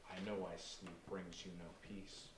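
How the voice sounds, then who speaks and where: A man playing a calm, grandiose cult leader who speaks softly and with chilling composure. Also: fairly low pitch, normal speed, close to an everyday voice. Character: calm, menacing middle-aged male cult leader. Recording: roomy and distant with faint noise.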